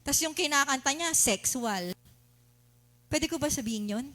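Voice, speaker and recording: High, bright-voiced Filipina woman preaching. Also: moderate pace, faint music behind. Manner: animated, asks the congregation questions, laughs, mimics shouting worshippers. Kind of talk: sermon.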